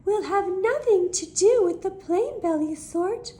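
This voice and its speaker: A woman's voice: very high-pitched, lively intonation, a little slow, dark tone, pitched above the performer's own voice. A woman voicing snooty, boastful storybook creatures with haughty, emphatic declaiming. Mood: smug. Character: snooty, boastful beach creatures bragging of superiority.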